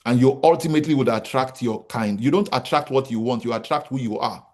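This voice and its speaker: A Nigerian man in his forties who founded a real estate company gives a motivational business talk to an audience. He speaks briskly at medium pitch, repeating key points and posing rhetorical questions.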